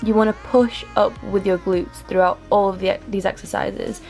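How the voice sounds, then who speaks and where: A woman's voice: medium pitch, flat delivery, moderate pace, vocal fry, darkish tone, soft background music. A young woman talking casually and chattily like a fitness vlogger, rambling a little and repeating words for emphasis. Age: young adult. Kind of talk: casual chatty vlog and workout voiceover.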